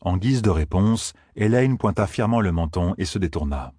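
Very deep, husky male narrator, measured audiobook reading, dry close sound. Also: lively intonation, mellow, no room sound.

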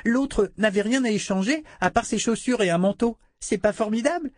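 A man putting on a little girl, excitable and chatty, in a storybook reading. Her voice sits very high above his own and tumbles out in eager bursts. Dry, close sound. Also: normal speed, no room sound, natural voice.

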